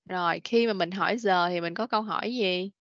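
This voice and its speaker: A woman with a lowish, fairly bright voice and no room sound is teaching kids English online. Patient in manner, she repeats words slowly, corrects pronunciation, and uses "rồi, ok" frequently, on a dull, dry, lo-fi video call meeting recording.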